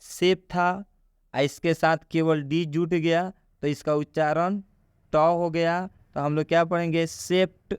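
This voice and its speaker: A man explains pronunciation rules at a slow, deliberate pace, going over each point again and again and putting questions to the viewer. His voice is smooth and on the higher side, and it sounds close and dry. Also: steady tone, no echo. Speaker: English pronunciation teacher. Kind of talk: classroom-style explanation in Hindi.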